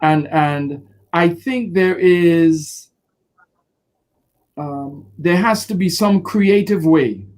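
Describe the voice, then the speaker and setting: A man, a defense lawyer answering in an interview, expressive and quick to act out what people said. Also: fairly high pitch. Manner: expressive, acts out quotes with laughter.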